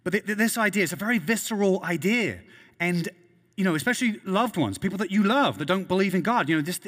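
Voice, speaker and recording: A pastor preaches in an earnest, emphatic way, looping back on his words as he presses each point home. His man's voice sits a little high for a man. A long reverb from a large hall trails every phrase. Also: fairly bright tone. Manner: earnest, repeats words and restarts while building a point. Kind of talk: sermon.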